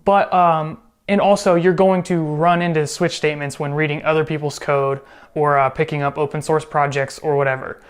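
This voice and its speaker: A man's voice: a little high, level tone, moderate pace, few pauses, clean tone. A man teaching programming in a casual screen-recorded tutorial, chatty and joking, often correcting himself as he goes. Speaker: programming instructor.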